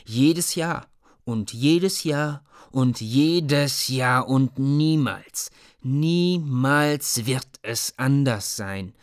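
A man's voice: medium pitch, moderate pace, close to an everyday voice. A man voicing a bitter, defiant peasant boy in a storybook reading, speaking with indignant outrage. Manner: indignant, raised voice.

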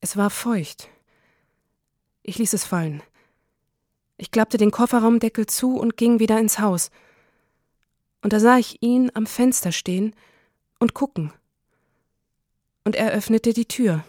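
A woman reading a first-person literary story in a calm, measured way. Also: on the high side, dry recording, clean studio sound. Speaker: audiobook narrator.

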